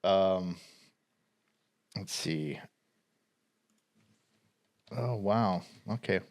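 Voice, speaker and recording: A man's voice: sits low, very slow. A man co-hosting a podcast, chatting casually about upcoming movies, rambling with restarts and frequent laughs. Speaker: podcast co-host.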